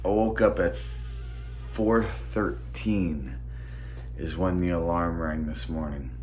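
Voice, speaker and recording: Man, lowish voice, thick speech from swollen tongue, casual rambling vlogger, echoey room. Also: takes it slowly, darkish tone. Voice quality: slightly thick, impeded articulation. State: swollen, bitten tongue, talking as if something is in his mouth. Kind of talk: casual rambling morning vlog. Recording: roomy echo, faint background noise.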